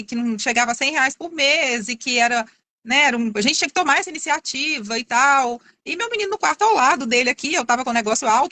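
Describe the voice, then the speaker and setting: A middle-aged woman tells a long story in a high, bright voice and talks quickly. She is chatty and keeps restarting her phrases. The sound is dry and close, as on a video call. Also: no echo. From Minas Gerais, Brazil. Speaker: course student giving a testimonial. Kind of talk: casual testimonial on a live video call.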